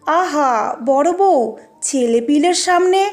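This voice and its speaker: A woman's voice: sits high, animated, takes it slowly. A woman voicing a mild-mannered father in his fifties who soothes his old parent and pleads with his wife. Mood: pleading. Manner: soothing, mildly reproachful. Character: gentle fifty-something father, mild and pleading. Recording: faint music behind.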